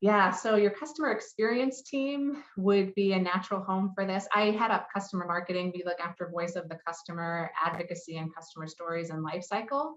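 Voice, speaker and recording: A marketing lead, head of customer marketing, presents at a conference and responds to questions in a brisk, medium-pitched voice with few pauses. There's a roomy echo and the sound is slightly muffled.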